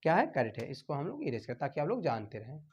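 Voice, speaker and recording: A woman teaching an exam-prep Hindi lesson, asking "what?" and repeating each answer back as a drill, her voice dropping quietly at the ends of phrases. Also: low-pitched, sing-song, fast talker, highs cut off, a little hiss or hum.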